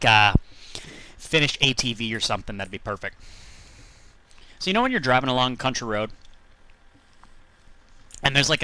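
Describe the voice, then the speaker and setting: Streaming a driving game, this man offers casual commentary, telling his viewers rambling stories full of jokes at his own expense. His medium-pitched voice sounds pushed and bright, and the tone is clean.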